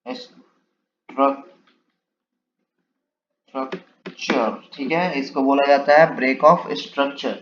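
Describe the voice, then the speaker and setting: A man's voice: medium pitch, fairly even intonation, slow, few pauses. A man giving a casual step-by-step lesson on reading charts, asking and answering his own questions as he draws. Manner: explains while drawing, asks and answers his own questions. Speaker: trading teacher. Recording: echoey room, dull lo-fi mic, faint hiss.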